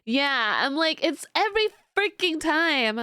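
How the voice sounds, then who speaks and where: With a high, sing-song voice and a sharp tone, this young livestreamer talks at a measured pace, stuffed-up and nasal. She rambles casually in reply to chat while watching videos, and the recording is dry and studio quality.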